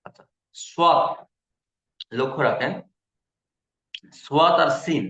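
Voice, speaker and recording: Slow, patient male recitation teacher. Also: fairly high pitch, sharp tone, lo-fi sound. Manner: slow, patient drilling of letter sounds with repetition. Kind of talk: online recitation class. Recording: echoey room.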